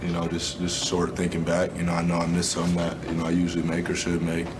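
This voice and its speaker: A young basketball player, in his twenties, handles postgame press questions with low-key, measured answers and frequent "um"s and "you know"s. He sounds completely flat, and there's background noise in the room.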